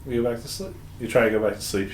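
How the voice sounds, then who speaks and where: A man's voice: medium pitch, racing. A man narrating as game master in a tabletop game, laughing often between lines. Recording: echoey room with faint noise.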